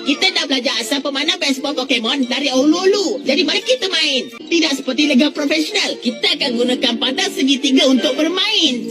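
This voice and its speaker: A very high-voiced young cartoon announcer lays out rules eagerly. The delivery is official and instructive, over clear music. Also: female voice. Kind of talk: animated series dub, announcing rules.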